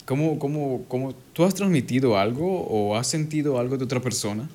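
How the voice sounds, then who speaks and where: A man's voice: mid-range voice, animated, a little fast, warm tone. A man talking casually in a conversation, often hesitating and repeating words as he searches for them.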